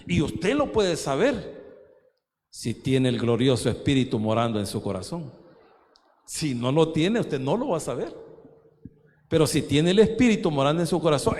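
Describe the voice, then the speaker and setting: A man's voice: on the high side, a little mellow. A man preaching a sermon as pastor, emotional and repetitive, often calling the congregation "brother". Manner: emotional, repeats phrases, calls listeners brother. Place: church sanctuary. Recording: long church reverb.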